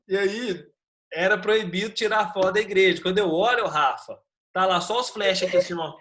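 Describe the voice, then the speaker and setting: A history teacher with a high voice, speaking at a moderate pace, tells his students a funny story from a class trip before returning to the lesson. He acts out the quotes and laughs along the way, keeping the anecdote lively.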